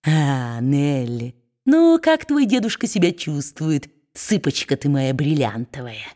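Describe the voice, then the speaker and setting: A spiteful old-fashioned storybook dwarf, growling low and gloating over everyone around him, voiced by a woman. He bullies in one breath and coos with fake sweetness in the next. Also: very animated, a little slow, mellow. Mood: mock-sweet. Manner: sneering, bullying, mock-sweet.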